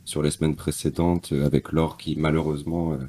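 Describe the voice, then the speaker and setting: A man with a deep, suave, smooth voice, chatting casually as a fan calling in to a show. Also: little pitch movement, fairly quick, warm tone. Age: adult, past his teens. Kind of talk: casual chat.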